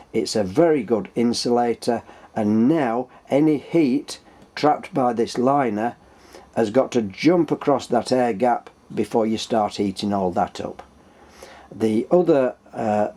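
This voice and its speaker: A man's voice: mid-range voice, dark tone. A man with a Yorkshire accent hosting a casual, unscripted workshop tutorial, explaining things in a hesitant way. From Yorkshire, England. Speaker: host of a workshop engineering channel.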